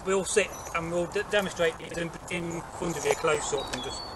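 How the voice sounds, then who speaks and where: A man's voice: on the high side, brisk. A middle-aged man with an East Midlands, Derbyshire accent, chatting casually as he shows and explains things. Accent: East Midlands English (Derbyshire). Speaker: co-host, Viking re-enactor and craftsman. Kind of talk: casual show-and-tell chat. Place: outdoors in a leafy garden. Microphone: camera a few metres away. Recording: outdoor noise, birds and distant traffic.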